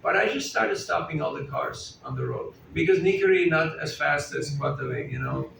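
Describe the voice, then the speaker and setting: A man with a highish, creaky voice and huge pitch swings speaks at a normal speed. He's a spiritual teacher holding a chatty sermon in a festival hall, frequently questioning and joking with the audience, and the recording is echoey, distantly miked, with faint room noise.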